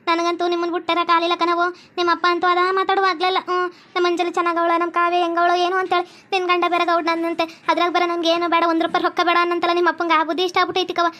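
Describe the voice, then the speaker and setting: A woman with a North Karnataka Kannada accent voicing a cartoon family, talking fast like a scolding village woman. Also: very high voice, pushed and bright. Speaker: narrator voicing all figures. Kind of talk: cartoon voice acting.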